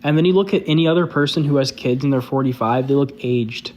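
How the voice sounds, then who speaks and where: The audio is lo-fi with slight background noise as a young man talks fast on his live stream, his medium-pitched voice a little mellow. He's a social media creator, casual and candid, filling his sentences with "like."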